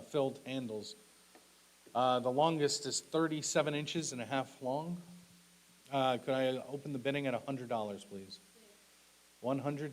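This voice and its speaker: A man working as an auctioneer at a live auction, calling bids and lots in short, clipped, repetitive phrases with polite asides. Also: mid-range voice. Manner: repetitive, clipped bid calls with polite thanks. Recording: clearly audible background hiss.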